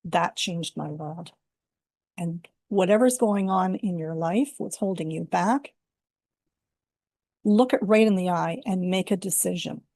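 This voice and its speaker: A woman's voice: fairly low pitch, a little slow, darkish tone, dry recording, studio quality. An older woman from Canada, a life coach, telling her personal story earnestly and reflectively in an interview. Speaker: guest, women's life coach.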